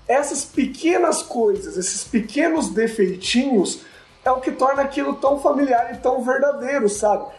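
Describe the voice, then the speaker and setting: A man's voice: very high voice, animated, moderate pace. A man co-hosting a casual film chat, slangy and enthusiastic as he talks through scenes. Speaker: podcast co-host. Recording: roomy echo.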